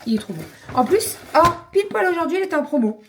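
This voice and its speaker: A woman vlogger chatting casually about her day at home, slangy and full of filler pauses. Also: very high voice, big pitch swings, noisy background. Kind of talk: casual daily vlog chat.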